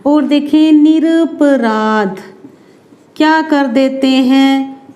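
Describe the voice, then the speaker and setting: A woman teaching a grammar lesson for exam students, slow and deliberate, asking and answering her own questions and drawing out example words. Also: sits high, mellow.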